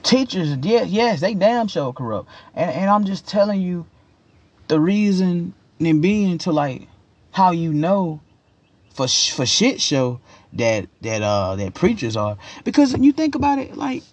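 A young man with a gravelly voice giving a casual, opinionated rant in a slangy, rambling, emphatic way, repeating his phrases. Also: sits high, very animated, unhurried. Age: young adult. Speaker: commentator giving personal opinions.

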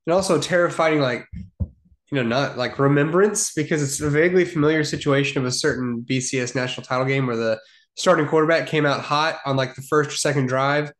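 A man's voice: a little high, a little fast, a bit bright. A man chatting casually as a sports podcast co-host in an informal, slangy way. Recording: echoey, roomy sound.

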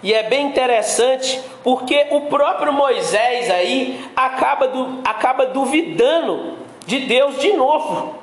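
A man's voice: very high-pitched, animated, takes it slowly. A Brazilian man preaching a sermon as pastor, talking in a conversational way and often putting direct questions to his listeners. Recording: very echoey room with faint background noise.

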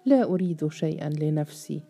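Calm stubborn young guy, short firm answers, woman reading him, low dark voice. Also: a little fast, gravelly, heavily acted. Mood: steadfast. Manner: firm, quiet, brief answers. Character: poor young man, stubborn, calm, seeking justice.

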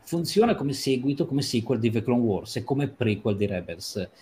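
A man discussing a TV episode on a livestream, talking emphatically and stretching or rushing phrases for stress. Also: mid-range voice, very animated, warm tone, slight background noise. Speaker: series commentator.

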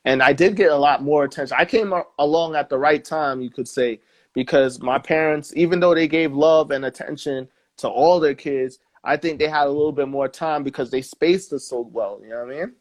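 A man with a New York accent, a musician guest in a casual interview, relaxed and dropping "man" and "bro" often. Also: fairly high pitch, fairly quick.

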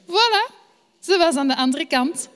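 A Flemish woman telling a children's story at a church service, lively and asking the children questions. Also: high voice, unhurried. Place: church hall. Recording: long hall reverb.

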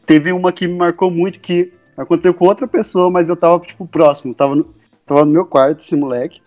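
A man with a Brazilian Portuguese accent, telling a story in casual chat, relaxed and rambling with many fillers. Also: a little high, a little fast, muffled recording, faint music behind. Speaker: podcast co-host.

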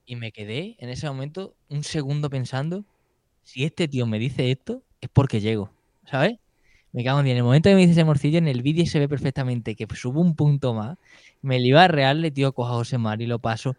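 Casting: young adult male guest, mid-pitch, animated storyteller, casual slang, dry close recording. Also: fast, dry recording. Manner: animated storytelling, keeps saying "tío". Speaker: interview guest, mountain bike racer. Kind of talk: casual interview chat.

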